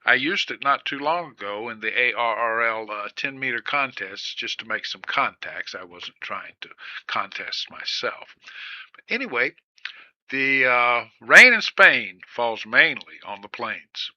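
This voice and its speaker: An older amateur radio hobbyist presents an informal, matter-of-fact demonstration, speaking plainly and directly into vintage desktop radio microphones. His mid-range voice is expressive, pushed and bright, at a measured pace. The recording is dry and dull.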